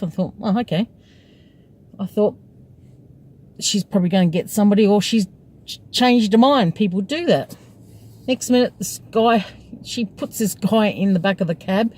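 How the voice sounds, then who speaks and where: A woman's voice: medium pitch, mellow. A woman tells a story from her job as a taxi driver. She talks in a chatty, wry way and laughs as she goes. She sits in her parked cab at a taxi rank. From Australia. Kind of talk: casual storytelling vlog.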